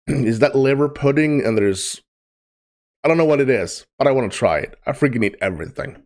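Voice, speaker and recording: A man from Sweden with a Swedish accent, talking through a video in casual reaction commentary, eager and blunt with drawn-out pauses. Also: mid-range voice, expressive, darkish tone.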